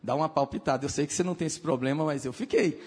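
A male pastor preaching and telling animated stories, acting out other people's voices and shouting at the climaxes. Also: on the high side, very fast, slightly rough. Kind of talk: sermon with storytelling. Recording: hall reverb.

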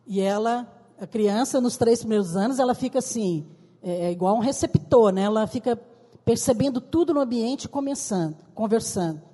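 An older woman preaching a sermon with a husky, firm voice and emphatic, drawn-out phrases. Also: on the high side, warm tone. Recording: reverberant hall.

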